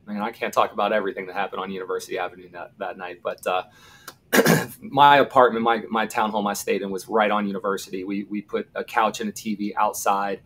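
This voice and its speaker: A man in his thirties with a lowish voice recounts old game days in a relaxed, anecdotal way. He talks casually as an interview guest and now and then acts out the shouts of the moment. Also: brisk, husky. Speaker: guest, former college football punter.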